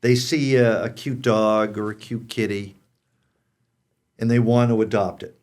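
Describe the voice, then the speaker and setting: A man's voice: fairly low pitch, steady tone, measured pace, darkish tone. An American man in his sixties hosting a pet show, speaking conversationally and addressing the audience directly. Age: 60s. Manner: frank, direct address to viewers.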